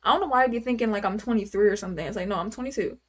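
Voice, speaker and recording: A woman's voice: medium pitch, very fast. A woman in her twenties chatting casually on a live stream, rambling and answering viewers' questions with lots of fillers. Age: 20s. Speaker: livestreamer.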